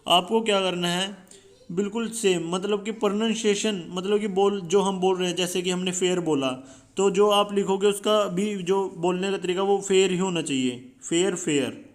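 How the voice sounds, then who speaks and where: A young man with an Indian accent teaching a school English lesson. He reads the English lines slowly, then explains them in Hindi. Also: high-pitched, fairly even intonation.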